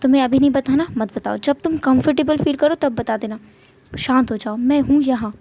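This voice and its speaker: A woman voicing a calm, protective young man who soothes softly and repeats gentle reassurances. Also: brisk, no echo, dull audio. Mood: soothing. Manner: soft, low, repetitive reassurance.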